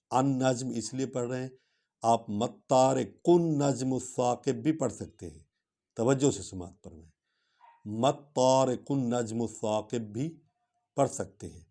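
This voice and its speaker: A man teaching Quran tajweed, reciting verses slowly and melodically, then quickly explaining the rules in between. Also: fairly low pitch, mellow.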